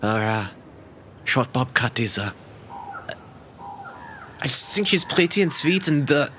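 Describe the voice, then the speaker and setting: A man voicing a shy young woman innkeeper with a put-on German accent, polite and halting. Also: mid-range voice, sing-song, pushed and bright, slight background noise, pitched above the performer's own voice, heavily acted. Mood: bashful.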